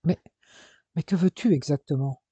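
A man's voice: a little high, moderate pace, warm tone, husky, no echo, dull audio. A man voicing an anxious, distraught young man pleading with his twin brother, in an audiobook. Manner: agitated, imploring.

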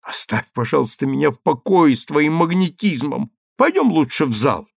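A man's voice: sing-song, normal speed, creaky, no room sound, studio quality, exaggerated voice. A man voicing a tearful, exasperated baroness. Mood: pleading. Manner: pleading, then shrill and exasperated. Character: tearful, irritated young baroness.

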